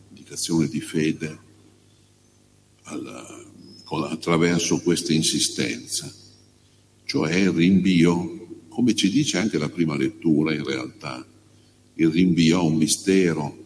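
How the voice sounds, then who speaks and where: A man, a priest, reading the gospel and preaching a homily in a slow, measured, pausing way. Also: rumbling low, a little mellow. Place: church. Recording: long church reverb, faint hum.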